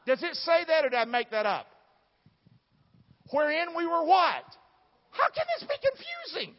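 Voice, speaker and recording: This Southern American preacher speaks at normal speed in an extremely high voice whose pitch swoops wildly. Delivering his sermon emphatically and folksily, he questions the congregation. He is from the southern United States, and the recording has the dull echo of a large church hall.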